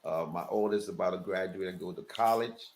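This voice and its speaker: A man's voice: low-pitched, fairly even intonation, brisk. A man, a guest answering interview questions earnestly with many fillers. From Liberia.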